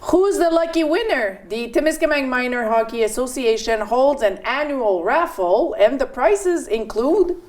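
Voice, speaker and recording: A woman's voice: high-pitched, lively intonation, normal speed, few pauses, a little mellow. A woman in her forties with a French Canadian accent, co-hosting community radio and reading local notices with chatty asides. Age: 40s. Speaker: radio co-host. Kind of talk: community radio announcements and banter.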